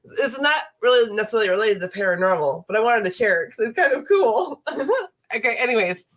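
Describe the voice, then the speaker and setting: A congested woman in her late thirties, still shaking off an illness, rambles chattily with many fillers while hosting a casual livestream. She talks fast in a fairly high, animated voice with a fairly bright tone.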